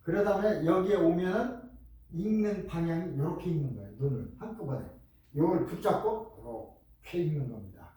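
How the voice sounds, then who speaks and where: An older man, a professor giving a lecture, talking in an animated, emphatic way and repeating his key words. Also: sits high. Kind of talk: lecture on speed reading. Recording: echoey room, voice from far off.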